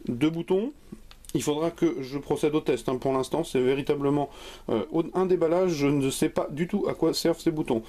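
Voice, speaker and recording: A man with a voice on the high side hosts a hardware video channel, unboxing a product live at a moderate pace. His unscripted commentary is jokey, lively, and chatty.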